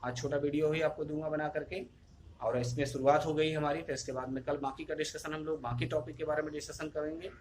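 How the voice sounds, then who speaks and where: A man's voice: fairly high pitch, fairly even intonation, quick pace, background noise. Man teaching a physics lesson. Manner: repeats points and asks himself questions. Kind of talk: classroom lesson video.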